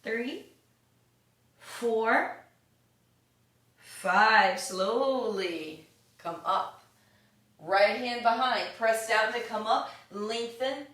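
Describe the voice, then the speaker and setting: A woman leading a yoga exercise class with slow counted cues, upbeat and encouraging, with the hiccups. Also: a little high, fairly bright tone. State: has the hiccups. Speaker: yoga instructor. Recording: echoey room, voice from a distance.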